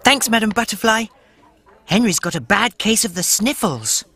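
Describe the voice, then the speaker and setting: A woman voicing a cheerful, helpful young male octopus in a cartoon, friendly and eager with a bright boyish voice. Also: mid-range voice, animated, normal speed, slightly rough, heavily acted. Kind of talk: cartoon voice acting.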